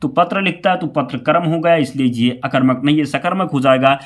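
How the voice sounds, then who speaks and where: A slightly hoarse man with a fever, teaching an exam-prep quiz lesson. He reads out each question and its options, repeats the answer and keeps telling the viewer to keep it in mind. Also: a little high, brisk.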